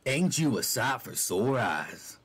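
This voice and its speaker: A man voicing a smug, gravelly male husky police officer who drawls out his sly, suspicious lines. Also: medium pitch, very animated, takes it slowly, a bit bright, voice pushed up, heavily acted.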